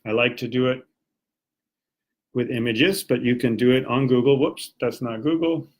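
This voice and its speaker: Teaching English on a live stream, a young man from Washington, D.C., United States, speaks in a General American accent with a mid-range voice, fairly even intonation, and moderate pace. His style is friendly and chatty, full of rhetorical questions.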